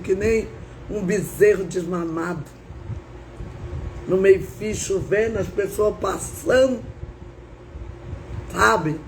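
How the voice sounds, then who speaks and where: A woman's voice: on the low side, darkish tone, a little hiss or hum, low-quality recording. A woman preacher telling her testimony in an emotional, dramatic way, often breaking in with praise to God. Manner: dramatic, repeats praise phrases. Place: live stream.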